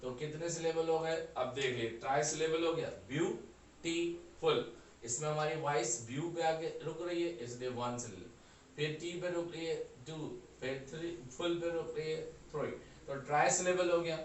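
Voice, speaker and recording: A man's voice: a little high, normal speed, a little hiss or hum. A man teaching English grammar, spelling words out letter by letter and checking that students follow. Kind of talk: classroom grammar lecture. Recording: echoey room, far from mic, faint ambience.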